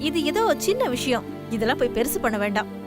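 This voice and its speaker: A woman's voice: on the high side, very animated, quick pace. A middle-aged actress playing an anxious mother in a TV serial who pleads and tries to keep the peace. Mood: pleading. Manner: pleading, placating. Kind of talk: TV serial acting. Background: music.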